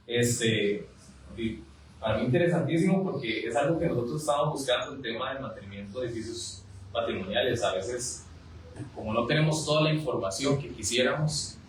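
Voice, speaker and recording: A man's voice: medium pitch, background noise. Costa rican guy on a panel, stumbles and repeats himself, mic far off in a big echoey room. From southern Costa Rica. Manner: hesitant, repeats words, conversational. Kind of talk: panel discussion remarks. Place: historic house, event room.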